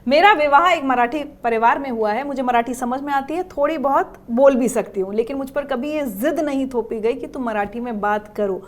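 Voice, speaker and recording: Female panel host, high voice, pointed rhetorical questioning. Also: moderate pace, few pauses. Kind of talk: hosting a panel discussion.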